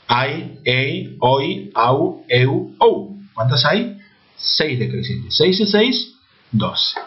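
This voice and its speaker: Peruvian guy teaching, kinda high voice that jumps all over, asks stuff and answers it himself, dull lo-fi sound. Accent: Peruvian Spanish. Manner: poses questions and answers them himself; spells out letters and vowel sounds slowly. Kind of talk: classroom lecture.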